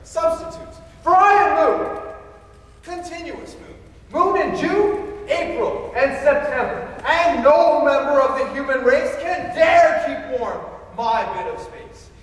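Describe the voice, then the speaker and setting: An actor playing a resentful, eccentric second-string critic who mumbles and declaims theatrically on a stage in an echoey hall. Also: male voice, high-pitched, animated, slow, fairly bright tone, full character voice. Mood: wild declaiming. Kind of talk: farcical stage play acting. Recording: echoey hall from far off, faint noise.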